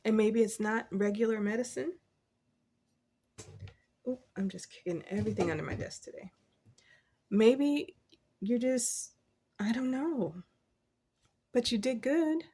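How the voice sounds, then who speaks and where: Chatty tarot lady at her desk, kinda breathy, hypes you up and laughs a lot. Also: fairly high pitch, a little slow, long pauses, warm tone. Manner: encouraging, chatty, laughs often. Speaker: tarot reader. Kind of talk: casual tarot reading.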